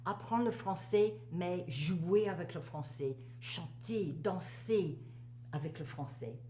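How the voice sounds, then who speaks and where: A woman's voice: lowish voice, takes it slowly, mellow. An older woman with a Cajun French accent chats and reminisces, repeating phrases for emphasis and dropping in the odd English word. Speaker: interviewee, teacher recalling a career. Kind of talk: casual reminiscing conversation. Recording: echoey room, faint hum and noise.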